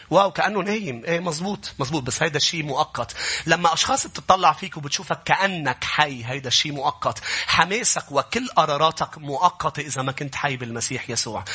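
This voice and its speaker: A man preaching a sermon, building to impassioned, shouting passages as he retells scripture. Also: on the high side, slightly rough.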